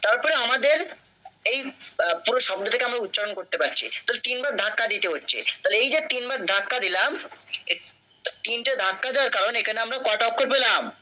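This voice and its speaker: A man's voice: extremely high pitch, brisk, bright, forceful tone, muffled recording. A young man teaching a classroom lesson, patient and questioning, often checking that his students follow. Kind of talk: classroom lecture.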